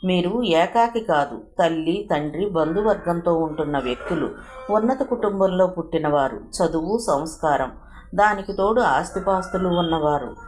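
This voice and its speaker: A woman's voice: fairly low pitch, lively intonation, moderate pace, darkish tone, faint music behind, close to an everyday voice. A woman voicing a proud, resolute young mother who speaks firmly and with composure in a storybook reading. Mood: earnest. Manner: firm, composed. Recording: roomy echo, faint hiss.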